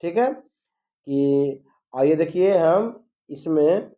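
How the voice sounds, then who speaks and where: Teacher drilling words in a bright voice. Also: male voice, on the high side, lively intonation. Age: middle-aged. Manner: drills and spells words slowly, repeating each form. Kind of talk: lesson on English verb forms.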